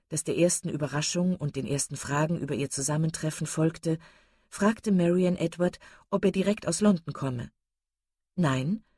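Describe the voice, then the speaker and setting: A woman narrating a classic novel as an audiobook in a steady, even storytelling voice. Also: low-pitched, breathy edge, no room sound, studio quality. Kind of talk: scripted literary narration.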